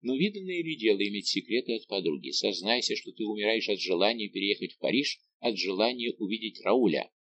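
A man's voice: on the low side, expressive, a little fast, few pauses, fairly bright tone, lo-fi sound, a little hiss or hum. A man reading an insistent, commanding young woman who teases her friend in an audiobook. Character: lively bossy young woman, a teasing friend.

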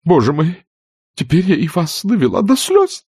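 Male actor playing a fussy tearful elderly aunt, high and shrill, very lively pitch. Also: normal speed, slightly rough, no room sound, clean studio sound, full character voice. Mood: fretful. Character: fussy fluttery older aunt, easily tearful.

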